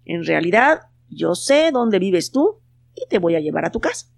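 A storyteller voicing a quiet, firm storybook elf. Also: mid-range voice, sing-song, normal speed, gravelly, dry recording, studio quality. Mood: stern. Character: mysterious elf who leads a lying boy away.

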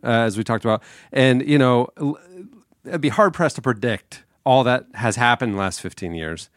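A man in his late thirties hosts a casual podcast, trading jokes with his co-hosts at a middling pitch. The studio mic sounds close and dry, with no room around it. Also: normal speed, dry recording. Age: 30s. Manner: joking, reads sponsor plugs. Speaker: podcast host.

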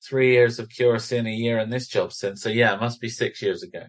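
A man's voice: medium pitch, fast. Casual man with a Bristolian accent. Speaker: podcast host, priest. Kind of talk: casual, teasing chat.

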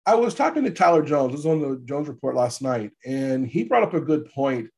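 A man with a stuffy, gravelly voice from allergies, hosting a casual sports podcast and informally rephrasing his points as he goes. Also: mid-range voice, very animated, a little fast, a little mellow. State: congested from allergies. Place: podcast studio.

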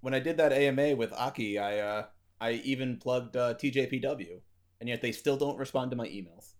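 A man co-hosting a relaxed wrestling podcast, cracking jokes as he watches along. He rambles a little with fillers, in an ordinary mid-range voice. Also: mid-range voice, a little fast. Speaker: podcast co-host. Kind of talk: casual chat over a watch-along.

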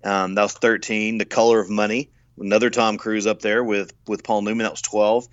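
A man's voice: lowish voice, level tone, a little fast, no echo, lo-fi sound. A man co-hosting a podcast, chatting casually about old movies, recalling trivia eagerly. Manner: enthusiastic, trivia-heavy recall. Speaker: podcast co-host.

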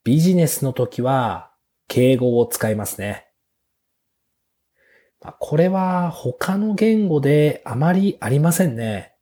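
A man hosting a beginners' Japanese lesson podcast, speaking slowly and simply with small fillers. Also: medium pitch, sing-song, dark tone. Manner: slow, clear teacher's delivery with fillers. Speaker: podcast host teaching Japanese.

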